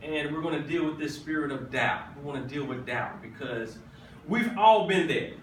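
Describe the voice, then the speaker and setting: A man preaching a sermon as pastor. He speaks emphatically, repeats his phrases, and builds up to shouts. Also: on the high side, moderate pace, noisy background. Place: church sanctuary. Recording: echoey church from a distant mic.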